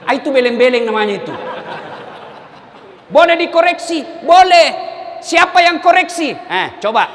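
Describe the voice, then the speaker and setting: A man preaching a lively, humorous sermon, throwing questions at the congregation and shouting. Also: extremely high pitch, moderate pace, pauses often. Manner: humorous, shouts questions and has the crowd answer. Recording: echoey hall with faint noise.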